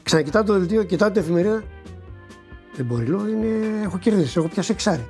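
A man's voice: high voice, animated, a little mellow, faint music behind. An older man recounting a personal story to an interviewer, acting out the dialogue and stumbling over repeated words when he is moved. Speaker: interviewee recounting a lottery win. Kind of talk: personal anecdote told to an interviewer.

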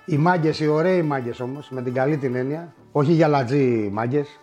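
A middle-aged man telling old stories in a wry, unhurried way, with many asides and fillers. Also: medium pitch, a little mellow, muffled recording, soft background music. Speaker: storyteller. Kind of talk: spoken reminiscence.

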